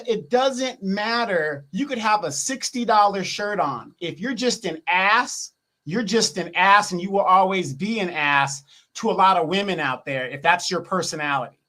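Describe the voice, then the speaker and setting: A man with a notably high voice talks on a casual livestream. He speaks reflectively, stopping and restarting as he looks for the right words. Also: sharp tone. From grew up in Japan. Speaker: livestream co-host.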